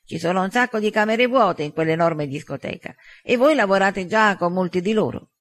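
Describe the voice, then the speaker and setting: A man's voice: high-pitched, lively intonation, normal speed, fairly bright tone, no room sound. A man voicing a wry, teasing man in an audiobook. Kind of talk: audiobook dialogue.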